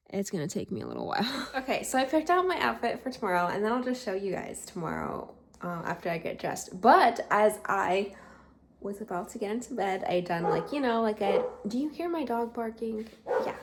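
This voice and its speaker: A woman vlogging from her home in a casual, rambling chat full of fillers, a bit out of breath. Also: medium pitch. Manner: chatty and rambling, with many fillers. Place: home, indoors.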